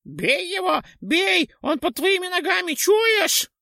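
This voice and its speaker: A tiny, foul-mouthed flying female creature from a storybook, voiced by a man. She squeals thin and very high, her pitch bouncing everywhere. The recording is dry and close. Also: animated, moderate pace, bright, forceful tone, no room sound, heavily acted. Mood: shrieking. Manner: pleading, egging on. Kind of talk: audiobook character voice.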